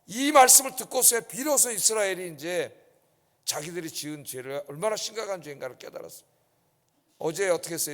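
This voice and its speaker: A male pastor preaching an early-morning sermon, emphatic and often checking in with the congregation. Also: a little high. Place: church sanctuary. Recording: long church reverb.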